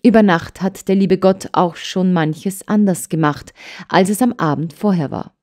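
A woman voicing a kind, earnest old grandmother in an audiobook, admonishing gently and soothingly. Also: lowish voice, unhurried, lightly acted. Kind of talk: audiobook character voice.

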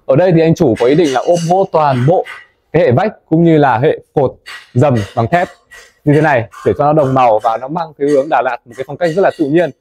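Fast-talking young man touring a site. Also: fairly high pitch, darkish tone. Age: young adult. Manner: fast, chatty, addresses viewers as "mọi người". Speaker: company presenter touring a build site. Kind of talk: presenter-led site tour. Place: indoors in a large wooden café under construction. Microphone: lapel mic.

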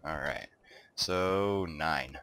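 Speaking extremely slowly in a very deep voice, a gaming video host chats casually to himself as he plays and builds. He sounds slightly congested, and a little hiss or hum sits in the recording.

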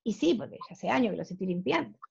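Husky gravelly woman in her sixties. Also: mid-range voice, lively intonation, dark tone. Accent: Rioplatense Spanish. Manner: direct, encouraging, brisk. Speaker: host and mentor. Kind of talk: coaching group video call. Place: home office. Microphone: headset on video call. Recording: dull lo-fi call audio.

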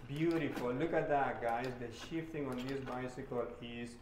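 A man, a bike shop mechanic giving a relaxed hands-on repair tutorial in a shop showroom. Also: mid-range voice, normal speed, roomy sound, noisy background. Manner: relaxed and friendly, with many "uh" fillers.

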